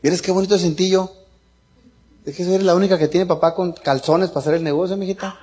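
A middle-aged man telling family anecdotes in a seminar talk, colloquial and joking, often tagging lines with quick checks to the audience. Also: high voice, fairly even intonation, noisy background. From Mexico. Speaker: speaker.

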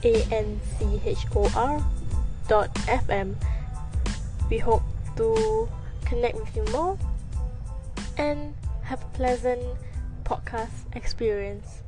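A woman's voice: fairly high pitch, lively intonation, takes it slowly, long pauses, music in the background, rough recording. A woman with a Singaporean Singlish accent hosting a podcast in a casual, informal way. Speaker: podcast host and content producer.

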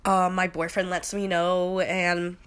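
Slow and fairly low, with little pitch movement and a bit of brightness, this woman's voice is slightly nasal from a cold. She's a podcast host in her late twenties, rambling through her views with many fillers and false starts.

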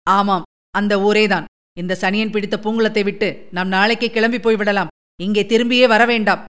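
A woman's voice: medium pitch, steady tone, moderate pace, a bit bright, close to an everyday voice. A woman reading a story aloud and voicing a short-tempered young man in her own voice, curt and brusque.

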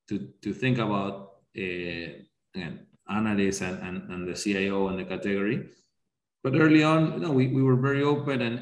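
A man speaking as a startup executive on a panel, casual and blunt, restarting his phrases often. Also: lowish voice. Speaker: startup executive, interview guest. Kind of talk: informal business panel discussion. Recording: roomy, echoing sound.

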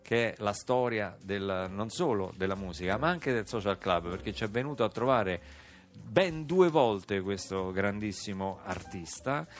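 A man's voice: fairly low pitch, expressive, a little slow. A man hosting a radio show in casual, bantering chat. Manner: bantering, reads out listeners' dialect sayings.

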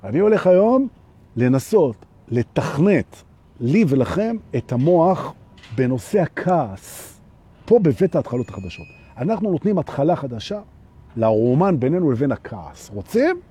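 A man leads a live-streamed spiritual lesson with a somewhat high, husky voice that swings widely in pitch. He keeps repeating phrases for emphasis and checks in with his listeners again and again. Now and then he acts out small everyday scenes. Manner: animated, repeats phrases for emphasis and asks the audience "right?". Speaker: spiritual teacher. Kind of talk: live-streamed talk on anger and the ego.

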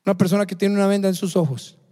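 A man preaches in a fairly high yet mellow voice, hammering his points home by repeating phrases. His sermon rings out with a long hall reverb around it. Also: steady tone, racing. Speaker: pastor.

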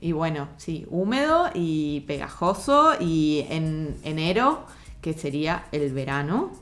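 A woman's voice: deep voice, very animated, slow, fairly bright tone. A young woman with an Argentine Spanish accent chatting casually and animatedly, laughing often. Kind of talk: casual chat.

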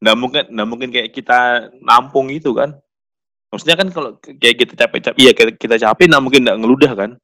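Fast-talking young man, casual football chat. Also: medium pitch, sharp tone. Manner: quick, chatty, restarts often.

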